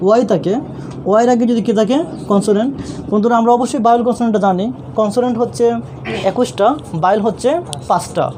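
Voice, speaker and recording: This online grammar lesson comes from a fast-talking male teacher with a high-pitched, warm, mellow voice and a Bangladeshi Bengali accent. He asks himself questions and answers them, patiently going over points again and again, with faint traffic audible in the background.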